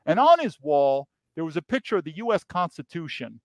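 A man's voice: on the high side, sing-song, brisk, a little mellow, no room sound. A man who was once a federal agent, talking in an interview with emphatic storytelling and frequent repeated words. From New York. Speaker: guest, former FBI agent. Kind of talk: interview conversation.

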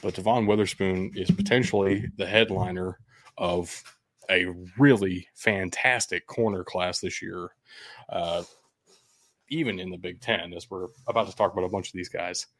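Male sports host, deep voice, casual but blunt and opinionated analysis, dry studio-like closeness. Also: steady tone, moderate pace, fairly bright tone, no echo. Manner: opinionated, blunt, occasionally profane.

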